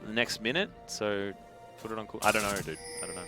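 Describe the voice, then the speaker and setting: A man with an Australian accent calling esports play-by-play, excitable and jokey. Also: lowish voice, soft background music. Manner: excitable, jokey, fast bursts of rising calls. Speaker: esports caster. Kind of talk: play-by-play commentary.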